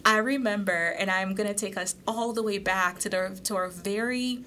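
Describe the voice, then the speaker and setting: A young woman co-hosts a podcast, explaining ideas in an animated way and laughing often. Her voice sits at a middle pitch over faint background noise. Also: normal speed. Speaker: podcast co-host. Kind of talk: casual heartfelt chat.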